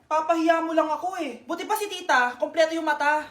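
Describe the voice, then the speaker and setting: A woman's voice: very high-pitched, a little fast, a bit bright, reverberant, faint music behind. A woman from the Philippines acting out short comedy skits in an exaggerated, bratty, scolding manner. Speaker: comedy skit performer.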